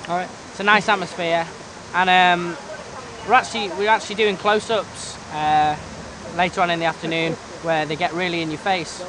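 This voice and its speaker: A somewhat tired pop band member talks on his lunch break in a fairly high voice. He hesitates often. Loud outdoor noise fills the background. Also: moderate pace. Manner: relaxed, hesitant with "uh" and "um". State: a bit tired. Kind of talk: casual behind-the-scenes chat. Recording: noisy outdoor ambience.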